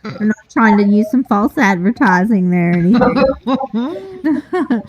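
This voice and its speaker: A woman's voice: on the high side, expressive, slow. A woman co-hosting a casual chat, playful and chatty as she tastes snacks. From USA. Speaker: co-host. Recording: dull lo-fi audio.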